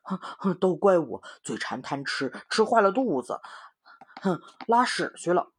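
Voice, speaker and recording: A woman's voice: fairly low pitch, sing-song, unhurried, slightly rough, pitched above the performer's own voice, exaggerated voice. A woman voicing a greedy, lazy male pig demon who groans and whimpers in a storybook reading. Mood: whiny.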